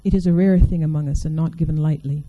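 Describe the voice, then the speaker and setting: A woman reading as a quiet, commanding male being. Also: low voice, fairly even intonation, phone-quality sound. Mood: solemn. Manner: quiet, measured and intimate. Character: mysterious seductive male otherworldly being, calm and commanding.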